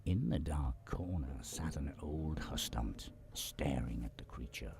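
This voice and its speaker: A man with a very deep, gravelly voice reading storybook narration for a video game. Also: expressive, unhurried, a crowd in the background.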